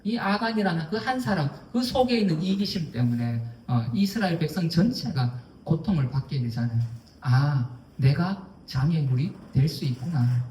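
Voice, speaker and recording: A man's voice: a little high, animated, normal speed, a little mellow, distant mic, slight background noise. A man preaching a sermon as pastor, emphatic, acting out quoted speech, with frequent fillers. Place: church sanctuary. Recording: echoey hall, voice heard from afar.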